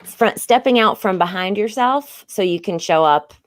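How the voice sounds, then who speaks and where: A woman's voice: mid-range voice, lively intonation, moderate pace. A woman co-hosting a casual chat, eager and affirming, often asking the guest questions. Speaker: co-host.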